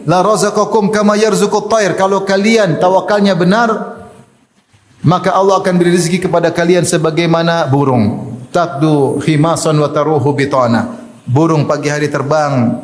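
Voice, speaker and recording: A high-voiced man delivers a sermon in a lively, joking way and acts out prayers. His voice rings through a large echoey hall with a long reverb. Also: moderate pace. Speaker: preacher.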